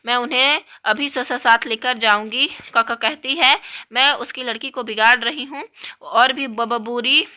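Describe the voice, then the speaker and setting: A woman's voice: on the high side, a little slow, sharp tone. A woman voicing a sulky young girl who stammers through her tears. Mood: tearful. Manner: tearful, stammering.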